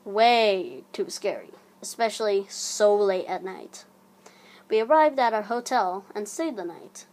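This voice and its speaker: Slow, hushed woman reading creeping horror. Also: mid-range voice, expressive. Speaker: horror story narrator. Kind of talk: slow scripted creepypasta narration. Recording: audible background noise.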